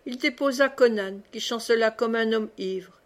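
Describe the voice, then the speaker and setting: A woman reading a novel aloud in steady, clear narration. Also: fairly high pitch, normal speed. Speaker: audiobook reader. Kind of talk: scripted narration.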